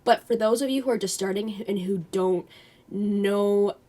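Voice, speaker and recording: A young woman giving a casual, chatty voice-over nail tutorial, with lots of fillers and a slightly hoarse voice. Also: medium pitch, fairly even intonation, unhurried, mellow. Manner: chatty, filler-heavy, self-deprecating.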